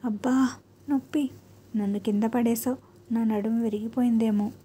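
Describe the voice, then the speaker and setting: A woman voicing a patient young wife in a storybook who gently coaxes and pleads. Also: a little high, fairly even intonation, moderate pace, slight background noise, natural voice. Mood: pleading. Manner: gentle coaxing pleas.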